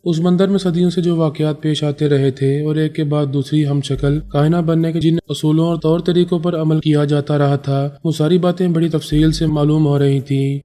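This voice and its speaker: A man narrating a story in a steady, dramatic reading style. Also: on the high side, hardly any pauses. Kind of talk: scripted narration.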